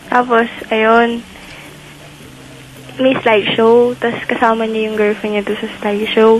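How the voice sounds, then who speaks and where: A woman's voice: fairly high pitch, completely flat delivery, unhurried, slight background noise, rough recording. A young woman calling into a radio show, rambling through a personal story with many fillers. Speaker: caller. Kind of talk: call-in radio chat.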